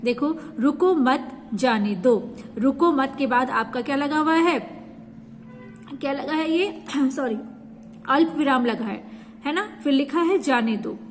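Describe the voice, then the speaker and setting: A woman's voice: high-pitched, unhurried, pauses often. A woman teacher explaining a grammar lesson to students, asking herself questions and answering them as she goes. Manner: explains step by step with repeated rhetorical questions. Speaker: school teacher. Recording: echoey room with faint background hiss.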